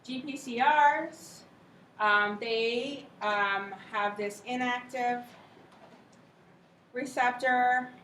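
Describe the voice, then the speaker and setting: A woman's voice: fairly high pitch, extremely slow, long pauses, fairly bright tone. Woman lecturing in an echoey lecture hall. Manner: informal, conversational, checks in with students. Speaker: university lecturer. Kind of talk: classroom lecture on cell biology with questions to students. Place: lecture hall or classroom, recorded from some way off. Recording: roomy echo, distant mic, faint noise.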